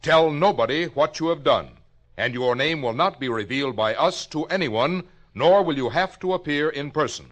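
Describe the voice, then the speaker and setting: A slightly high, somewhat bright voice with lively intonation belongs to an American man announcing on 1950s radio. He delivers the script in a formal, measured way, each word carefully enunciated.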